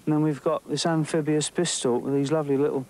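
The recording is rough: a middle-aged English angling presenter speaks fast in a fairly high, warm voice with flat delivery. He fishes and explores a lake bank outdoors, giving chatty, enthusiastic nature commentary to camera and thinking aloud with small restarts.

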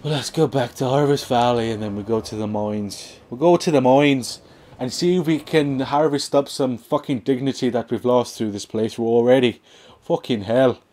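A young man giving casual let's-play commentary on his game, sarcastic and swearing, with sudden loud outbursts at the game. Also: medium pitch, moderate pace. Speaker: gameplay commentator.

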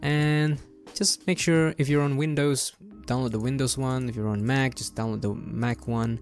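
A young man runs a relaxed, screen-recorded software tutorial from his bedroom at home, sounding somewhat excited. He speaks at normal speed with a medium-pitched voice into a close desk mic on a boom arm, with a little music underneath.

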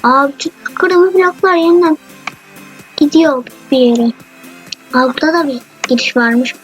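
A woman giving chatty, excitable commentary while playing a video game. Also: high voice, unhurried, low-quality recording. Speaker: gamer. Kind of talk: gameplay commentary. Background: faint game music.

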